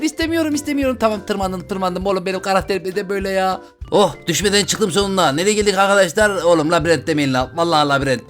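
A man giving let's play commentary, his voice sitting high and eager. He talks fast and excitably, exclaiming and joking with his viewers. Faint music plays underneath. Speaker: gaming channel host.

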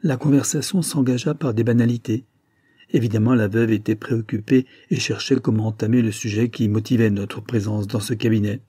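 A man narrating a classic novel as an audiobook reader, in a measured storytelling manner. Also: fairly low pitch, steady tone, mellow, breathy edge, dry recording, studio quality. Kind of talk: literary narration.

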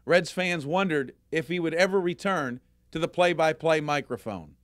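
A man narrating a documentary in a measured, scripted delivery. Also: a little high, fairly bright tone, no echo, clean studio sound.

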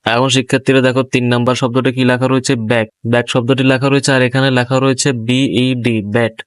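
A male teacher talks a class of young pupils through a textbook page, stopping to ask them questions. His voice is smooth and clear, at a middle pitch. The sound is close and dry. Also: flat delivery, fast, no room sound. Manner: explains each English word in Bengali, asks pupils questions. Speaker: primary school English teacher. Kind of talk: explaining a textbook lesson.

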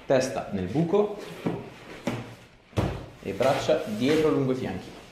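A chiropractor in his thirties examines a patient in a small indoor clinic room, giving brief, informal instructions and questions in casual exam chat. His mid-range voice is animated yet slow, and the echoey treatment room has a noisy background.

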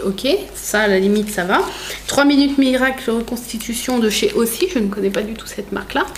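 A woman's voice: on the high side, a little hiss or hum. A woman vlogger chatting casually at home while opening gifts, rambling with many fillers, self-corrections and frequent laughter. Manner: laughs often, playful teasing. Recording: roomy echo.

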